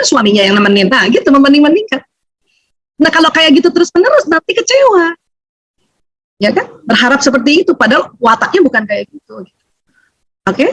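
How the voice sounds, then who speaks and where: Animated woman seminar speaker, high voice. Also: dry recording, rough recording. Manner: animated, laughing often, acting out quoted voices. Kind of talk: lively seminar talk to an audience.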